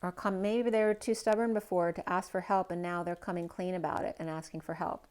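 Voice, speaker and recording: Speaking with a lowish voice, a tarot reader offers a general reading for a star sign. Her delivery wanders as she thinks aloud, stacks up one possibility on another and keeps tossing in "right?"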